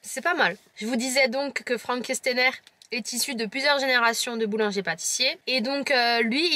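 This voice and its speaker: A dry recording captures a woman's slightly high, pushed, bright voice. She has a Lorraine French accent and is a vlogger tasting chocolates, chatting playfully to camera, describing them and teasing those watching.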